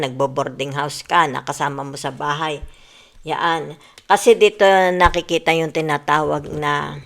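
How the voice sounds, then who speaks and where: A woman's voice: sits low, creaky, a bit bright. A woman reading tarot cards for her viewers, mixing Tagalog and English, often asking "di ba" and telling listeners to relax. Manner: mixes Tagalog and English, repeats "di ba" and "yan" often; soothing, tells listeners to relax. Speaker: tarot reader.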